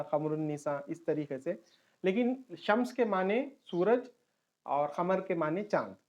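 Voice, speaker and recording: Patient teacher, lo-fi audio. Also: male voice, sits high. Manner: patient, repeats terms, mixes in English. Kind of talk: online lesson.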